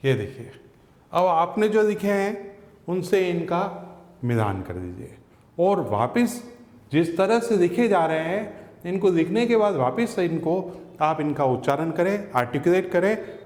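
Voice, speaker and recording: A man teaching English pronunciation, speaking slowly and deliberately and repeating words syllable by syllable. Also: high-pitched, sing-song, a little mellow. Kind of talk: phonetics lesson. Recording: echoey room with long reverb.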